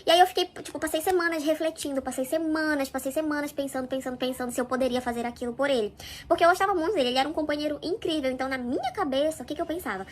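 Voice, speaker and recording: A woman's voice: high-pitched, rapid-fire. A woman telling a first-person story in a chatty, confiding way, talking straight to her viewers.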